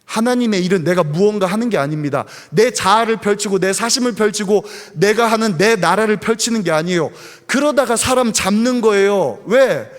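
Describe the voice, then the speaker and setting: A man with a high, light voice preaches a sermon, pressing his point with rhetorical questions and then easing into softer asides. His voice rings out in a church sanctuary with a long reverb tail. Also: lively intonation, moderate pace, few pauses. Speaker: pastor.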